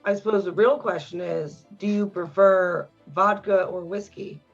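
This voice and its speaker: A man's voice: high-pitched, fairly even intonation, a little slow, vocal fry. Male tabletop player, casual role-play, slightly lo-fi sound with faint music.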